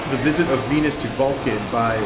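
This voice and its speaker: A man's voice: medium pitch, steady tone, fast, heavy background noise. A man in his forties, a guest artist, talking about his work in a rambling, hesitant way full of fillers, recorded in a restaurant. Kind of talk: casual conversation. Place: restaurant dining room with brick walls. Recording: echoey room with loud music behind.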